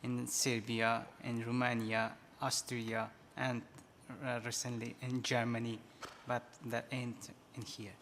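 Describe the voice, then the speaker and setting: A man's voice: mid-range voice, completely flat delivery, slow, fairly bright tone. A man from Afghanistan answering from a studio audience in hesitant, broken English full of uhs. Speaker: audience member. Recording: reverberant studio hall with faint room noise.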